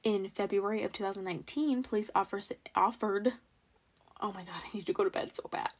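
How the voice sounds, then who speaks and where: A young American woman tells true crime stories as a solo podcast host. Her pitch is average for a woman, and she has trouble saying her R's. She talks informally from notes, with self-deprecating asides. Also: vocal fry. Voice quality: trouble pronouncing R sounds.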